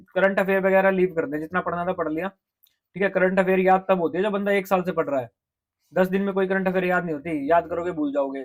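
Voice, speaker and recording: A man, a coaching teacher giving exam advice to students in a casual, direct lecture, often checking in with his listeners. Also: fairly high pitch. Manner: direct, repeats "ठीक है?" to check in.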